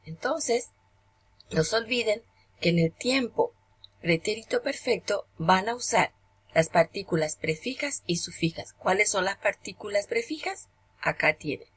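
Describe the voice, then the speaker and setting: A woman teacher giving a remote lesson to children, gentle and patient, saying each term slowly. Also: mid-range voice, expressive, breathy edge.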